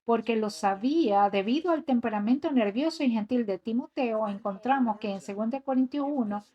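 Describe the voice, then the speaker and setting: A woman's voice: on the high side, normal speed, lo-fi sound. A woman giving an earnest voice-over translation of a sermon, reading scripture passages aloud. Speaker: sermon interpreter.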